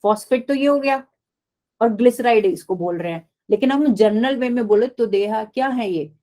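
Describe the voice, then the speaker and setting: A woman's voice: a little high, normal speed, dark tone. A woman teaching biology in a live online class, explaining step by step and often asking the class questions.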